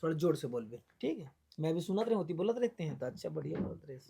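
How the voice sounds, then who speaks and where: A woman with a Chhattisgarhi accent, interviewing a young girl and her aunt in a casual chat, gently coaxing and instructing the child. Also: deep voice, big pitch swings, fast talker, creaky, husky.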